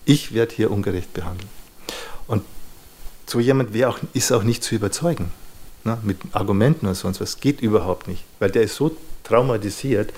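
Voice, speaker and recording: A man's voice: fairly low pitch, a little fast, a little mellow. A man giving a lecture on psychology to an audience, thoughtful and searching for words, with frequent small verbal fillers.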